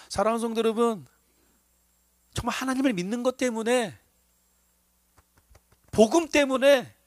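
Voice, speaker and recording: High-voiced male pastor preaching with dramatic swings. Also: dry recording. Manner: dramatic preaching, swinging from loud emphasis to hushed near-whispers; asks the congregation rhetorical questions. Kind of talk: sermon.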